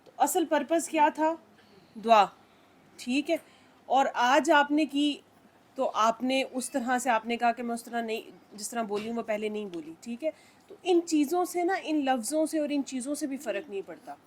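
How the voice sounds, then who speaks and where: A woman leading a spiritual group, coaching a member in an instructive way and asking "right?" after nearly every point. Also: high-pitched. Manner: instructive, checks in with "theek hai?" constantly.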